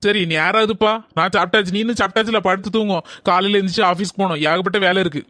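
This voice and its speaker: Man voicing a bright chatty young office guy. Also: high-pitched, steady tone, very fast, dry recording. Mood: bickering. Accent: Kanyakumari Tamil.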